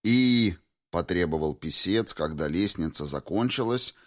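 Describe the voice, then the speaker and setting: A man reading an audiobook in a steady, even way. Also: low-pitched, normal speed. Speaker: audiobook narrator. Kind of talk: scripted narration.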